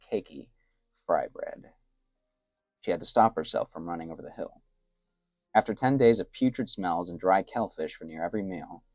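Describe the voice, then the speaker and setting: A man narrating an adventure story in a soft, hushed storytelling manner, dropping to whispers for characters' thoughts. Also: deep voice, no room sound.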